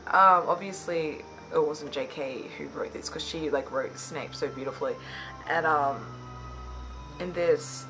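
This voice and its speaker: A woman's voice: fairly low pitch, low-quality recording. Chatty woman vlogger, many fillers. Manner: rambling, full of fillers and self-corrections. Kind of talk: casual chat.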